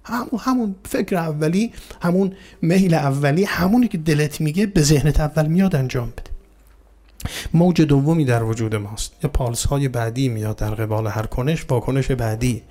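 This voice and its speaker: A man's voice: fairly high pitch, warm tone. A man giving an explanatory religious talk. He poses rhetorical questions, answers them himself, and addresses his listeners politely. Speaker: religious lecturer.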